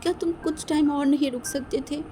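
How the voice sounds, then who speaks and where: A woman voicing a remorseful young man pleading quietly with his lover. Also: sits high, steady tone, a little fast, a little hiss or hum, pitched above the performer's own voice, lightly acted.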